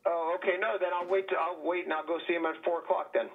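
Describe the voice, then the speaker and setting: A man's voice: on the high side, fairly even intonation, fast. A man, a defense attorney, calling into a court hearing over a speakerphone, talking hesitantly with many fillers and restarts. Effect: heard over a courtroom speakerphone. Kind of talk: phone call into a court hearing. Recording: tinny phone line on speakerphone.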